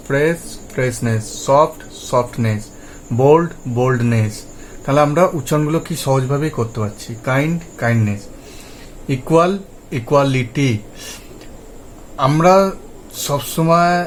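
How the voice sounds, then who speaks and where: A man teaching English pronunciation and word meanings, patiently repeating words for practice in a slow drill. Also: medium pitch, slight background noise, rough recording. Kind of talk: Bengali-language lesson, spoken explanation.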